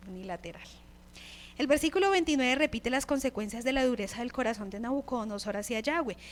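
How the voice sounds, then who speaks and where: A woman's voice: sits high, slight background noise. A woman preaching a sermon, firing off rhetorical questions and answering in God's voice, and reading commentary passages aloud.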